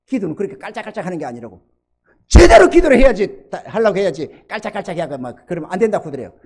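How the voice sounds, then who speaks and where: A man's voice: high-pitched, sing-song, very fast, a little mellow. A male pastor preaching a sermon, telling a story and acting out the prayers he quotes, and calling on the congregation for amens.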